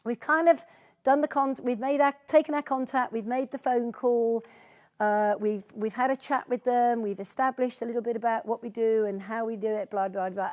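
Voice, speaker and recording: A woman hosts an online sales training as the trainer for a sales team meeting, giving an informal presentation over video call. She sounds encouraging and conversational, with a fairly high-pitched, slightly mellow voice.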